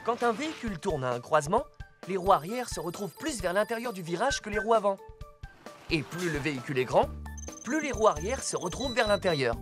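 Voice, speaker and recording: Poli, high-pitched heroic robot police car. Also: male voice, sing-song, brisk, a bit bright, soft background music. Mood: instructive, firm. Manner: didactic, clearly explaining. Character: earnest heroic rescue police car robot, young male leader. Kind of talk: French children's cartoon dub.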